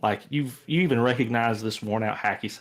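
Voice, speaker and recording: A man narrating as game master of a tabletop game, with a relaxed, chatty manner. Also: medium pitch, brisk. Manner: relaxed, chatty, restarts sentences.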